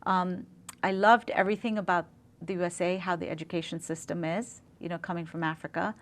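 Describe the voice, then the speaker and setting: A middle-aged woman from Zambia, a dentist, talking in a casual interview with eager, warm storytelling and frequent fillers. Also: fairly low pitch, fairly even intonation, brisk.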